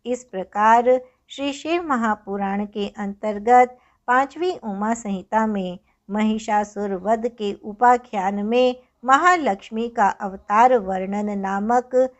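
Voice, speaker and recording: A woman narrating a scripture story as a devotional reader, with measured, solemn recitation. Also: a little high, lo-fi sound.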